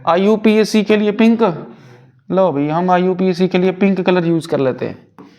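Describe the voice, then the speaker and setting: A man's voice: high voice, normal speed, a little mellow. A male chemistry teacher, explaining step by step and asking and answering his own questions. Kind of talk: Hindi-English chemistry lecture.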